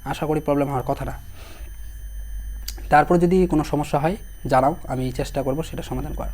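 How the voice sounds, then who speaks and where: With a hoarse, slightly mellow voice that runs fairly high, a young man guides students through an online exam-prep lesson. Each word gets slow repetition and a spelling, and he keeps asking his students questions.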